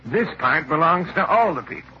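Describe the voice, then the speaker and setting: A man's voice: fairly high pitch, very animated, moderate pace. A man voicing a folksy, matter-of-fact grandfather puppet in a 1950s children's television show. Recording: dull, slightly noisy vintage TV soundtrack.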